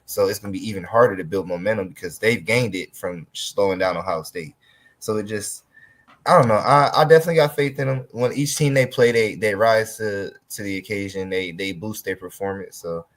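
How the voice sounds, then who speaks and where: A man co-hosting a casual college football talk show, talking in a halting way with frequent restarts. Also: low-pitched. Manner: halting, stumbles and restarts often. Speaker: sports podcast co-host.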